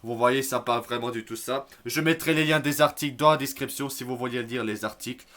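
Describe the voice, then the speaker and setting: A man giving casual spoken commentary on news articles, hesitant, filling pauses and restarting his sentences. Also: medium pitch, a bit bright. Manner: hesitant, many fillers and restarts, admits stumbling over words. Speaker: YouTube news vlogger.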